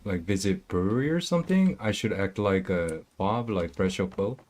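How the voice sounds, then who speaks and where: A man's voice: lowish voice, expressive, normal speed, a little mellow. A young man from South Korea with a Korean accent, speaking English as a second language in a hesitant, plainspoken casual chat. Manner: hesitant, restarts words, plainspoken.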